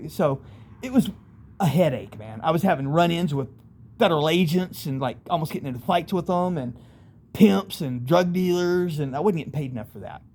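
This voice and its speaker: There's slight background noise behind this middle-aged American man, whose voice is a little high and a little mellow. As a channel host, he tells personal stories in a casual, rambling, candid monologue full of street slang.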